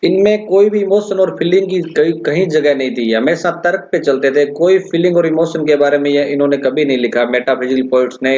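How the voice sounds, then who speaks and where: A male English lecturer giving an exam-prep lesson, explaining a poem and repeatedly addressing his students, slowing down to recite lines. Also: a little high, darkish tone. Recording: dull lo-fi recording.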